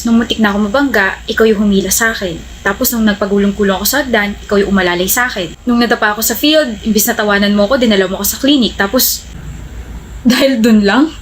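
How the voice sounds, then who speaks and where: A woman acting out a persistent, lovesick college girl with a Filipino accent. She chatters on and slips English into her Tagalog. Her voice sits a touch high, with faint noise in the background. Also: natural voice, rough recording. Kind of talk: short skit acting.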